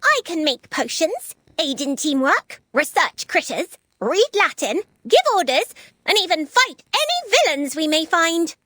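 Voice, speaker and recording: A bubbly young noblewoman, very high. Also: very animated, measured pace, bright, forceful tone, no echo, exaggerated voice. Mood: confident. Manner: bubbly, boastful, refers to herself by name. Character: spirited young noblewoman, eager and proud. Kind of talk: video game cutscene dub.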